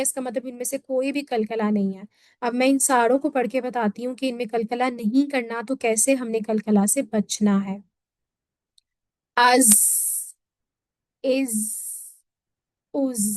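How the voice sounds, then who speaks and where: A woman from Pakistan teaches a recitation class, going over each point again and checking the students understand. Her voice sits high. The recording is dry, with no room echo. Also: a little mellow. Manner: patient, repeats points and checks with "theek hai". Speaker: Quran teacher. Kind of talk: classroom lesson on Quran recitation.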